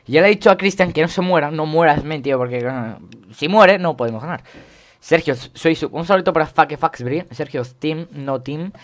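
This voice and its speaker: A gaming YouTuber, a young man from Spain with a Spain Spanish accent, commentates his gameplay in a jokey, excitable way. He repeats words in quick bursts, and his voice sits a little high.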